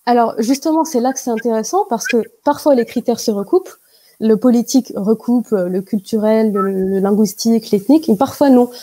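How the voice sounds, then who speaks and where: A young woman answering interview questions over a video call, explaining carefully with many pauses and fillers. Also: fairly high pitch, mellow, no echo, poor audio. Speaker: guest. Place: indoor room at home. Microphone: video call with wired earphone mic.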